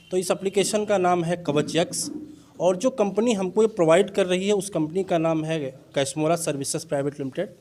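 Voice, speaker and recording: A man's voice: high voice, darkish tone, a little hiss or hum. A man from India giving polite, formal interview answers as a company representative, mixing in English words.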